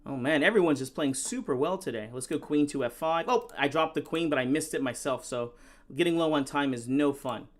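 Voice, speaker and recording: A man's voice: fairly high pitch, animated, fairly quick. A man giving live-stream chess commentary, thinking aloud move by move and chatting with viewers.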